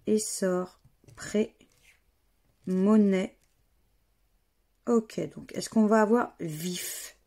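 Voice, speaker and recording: A woman's voice: mid-range voice, warm tone. A woman, casually commenting as she scratches lottery tickets and spells out letters and words one by one. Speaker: scratch-card vlogger.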